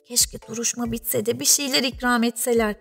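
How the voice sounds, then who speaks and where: Curious young girl, eager and wondering, light high voice, woman reading. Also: fairly even intonation, brisk, vocal fry, fairly bright tone, husky, faint music behind, exaggerated voice.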